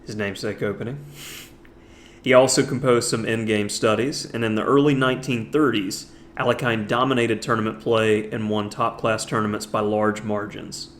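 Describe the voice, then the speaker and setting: A man's voice: lowish voice, flat delivery, normal speed, a little hiss or hum. Man walking through a chess game. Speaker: chess instructor. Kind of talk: narrated chess game analysis.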